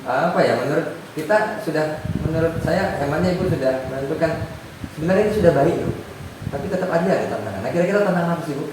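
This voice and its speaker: A man's voice: a little high, expressive, fast talker. Man asking questions, lots of nodding yeses, distant noisy mic. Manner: agreeable, frequent affirmations, summarizes answers. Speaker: interviewer. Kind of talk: interview. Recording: echoey room, far from mic, noisy.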